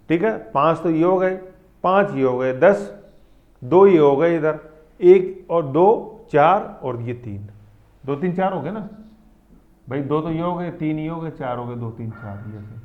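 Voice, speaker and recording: A man teaching an exam-prep lesson from a map, coaxing the class along with tag questions and counting aloud. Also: fairly high pitch. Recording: muffled lo-fi recording.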